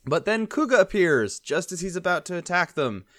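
A man's voice: sits high, very animated, normal speed, a bit bright, no echo, clean studio sound. A man co-hosting a podcast, recapping an episode in casual chat with hesitant fillers. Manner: recaps plot with hesitant fillers and quoted lines. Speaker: podcast co-host recapping an anime.

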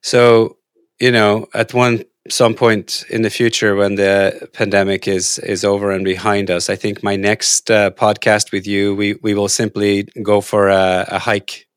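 A man's voice: on the low side, little pitch movement, clear, resonant tone, no echo, studio quality. Man hosting a podcast. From Norway. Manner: scripted intro then casual, halting questions. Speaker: podcast host. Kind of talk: podcast interview.

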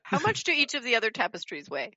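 A woman's voice: on the high side, very animated, quick pace, bright, forceful tone, dry recording, highs cut off, heavily acted. A woman voicing a prim, frank, strong female adventurer, speaking formally and earnestly in tabletop role-play. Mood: matter-of-fact.

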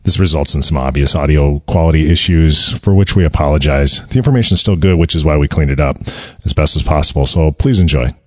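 A man's voice: extremely low pitch, brisk, darkish tone, dry recording. A man hosting a conversational technical podcast, often circling and restarting his phrases as he talks. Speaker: podcast host.

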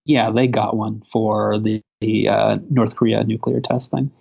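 A man co-hosting a casual podcast in a hesitant, halting way, repeating words, over a low-quality internet call. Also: little pitch movement, vocal fry, darkish tone, slightly rough, highs cut off. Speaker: podcast co-host. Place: hotel room, remote call.

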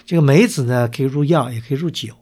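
A man's voice: mid-range voice, quick pace, a little mellow. A man co-hosting a casual chat, steering the topic and often asking his partner "right?". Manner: leads the talk, often checking in with "right?". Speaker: co-host.

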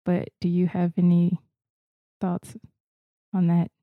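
Woman, American accent, casual podcast co-host, unhurried pace, dry and slightly dull recording. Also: on the low side, monotone, no echo. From Florida, United States. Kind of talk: casual chat, self-introduction.

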